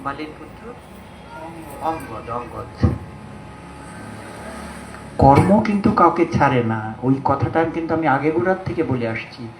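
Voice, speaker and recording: Male preacher, devotional storytelling sermon; slow, sing-song, sudden loud peaks; echoey room, faint traffic noise. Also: fairly high pitch, animated.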